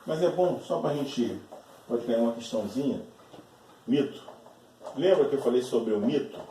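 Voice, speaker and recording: Male teacher, patient explainer, mellow tone, recorded from a distance in a reverberant room. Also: medium pitch, lively intonation, moderate pace, a little hiss or hum. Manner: patient, checks in often with tag questions. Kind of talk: recorded online grammar lesson. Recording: echoey room, voice off-mic.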